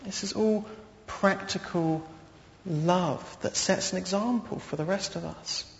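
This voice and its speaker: A man preaching a sermon to his congregation in a church hall, speaking in a slow, measured way with pauses. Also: high-pitched, vocal fry. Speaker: pastor. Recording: dull audio with long hall reverb.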